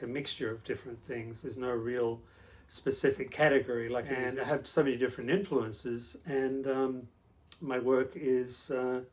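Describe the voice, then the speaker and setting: Man, Australian accent, middle-aged, casual storytelling, plenty of ums and uhs, mid pitch. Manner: rambling, with many fillers and short laughs. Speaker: interview guest.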